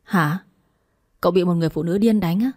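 A woman voicing a startled young man who worriedly asks after his friend's injury, in a low, mellow voice. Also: brisk, close to an everyday voice. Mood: alarmed. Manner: startled, eager. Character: alarmed young man, eager loyal friend.

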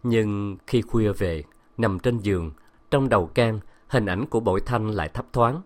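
A man narrating a story in a steady, measured reading voice. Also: fairly low pitch. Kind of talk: scripted audiobook narration.

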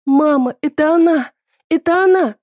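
A woman's voice: moderate pace, mellow, dry recording, clean studio sound, close to an everyday voice. A woman voicing a furious teenage girl who shrieks accusations at her father's mistress. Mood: shrill, furious. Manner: shrill, crying out.

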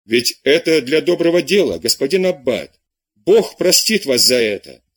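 A man's voice: on the high side, sing-song, normal speed, breathy edge. A man doing a begging teenage pupil. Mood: persuading. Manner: begging, apologetic. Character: pleading 17-year-old male pupil, timid.

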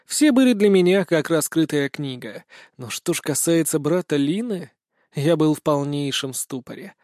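A man narrating a fantasy audiobook in the first person with an even storytelling delivery. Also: fairly high pitch, normal speed, no echo, studio quality.

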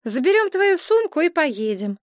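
A woman voicing a sensible young woman who talks in a brisk, exasperated way, recorded dry and close. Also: high voice, very animated, no room sound, voice pushed up.

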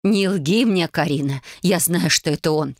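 A woman voicing a slow, anxious old-fashioned mother. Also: fairly low pitch, no room sound, studio quality. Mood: insistent. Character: worried middle-aged mother, frail heart, anxious.

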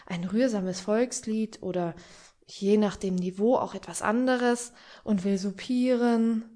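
A woman reading a bored, jaded gentleman. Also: medium pitch, steady tone, unhurried, natural voice. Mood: weary. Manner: bored, resigned sighing. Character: weary, jaded young gentleman Henning. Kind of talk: audiobook reading.

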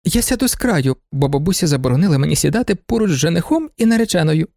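A man's voice: fairly high pitch, animated, fast, creaky, dark tone, no echo, studio quality, voice pushed up. A man voicing an eager young girl in an audiobook reading.

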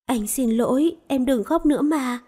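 A woman voicing a tender, doting young man in a storybook romance, speaking softly and slowly. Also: sits high, husky. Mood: soothing.

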